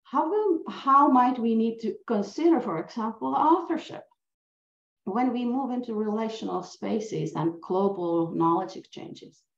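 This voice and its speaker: Her voice is fairly high, expressive and a little slow, with vocal fry; she is a middle-aged woman who speaks Finnish natively and has a Finnish accent. As a university professor, she delivers an earnest, reflective lecture on a video call, posing many questions. It's picked up by a laptop mic, and the audio is roomy and dull.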